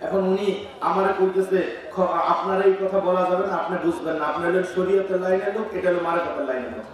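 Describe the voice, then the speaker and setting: A man preaching a sermon with a Bangladeshi Bengali accent, chanting lines and rising into shouts. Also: sits high, fairly even intonation, fast. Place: outdoor religious gathering. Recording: echoing loudspeaker sound from far off.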